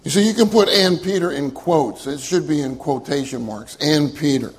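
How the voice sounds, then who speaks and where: High-voiced man preaching earnestly. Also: normal speed, crowd noise, low-quality recording. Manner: earnest, emphatic, repeats key phrases. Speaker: minister. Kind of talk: sermon.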